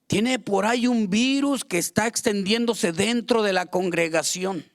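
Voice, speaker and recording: A man's voice: sits high, measured pace. A man preaching a fervent sermon as pastor, acting out quoted prayers and complaints.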